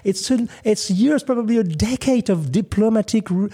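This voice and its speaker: A man from France with a French accent, co-hosting a casual chat and explaining things in an animated way. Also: high-pitched, normal speed, slightly rough. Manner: animated, explanatory, with frequent restarts. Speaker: podcast co-host.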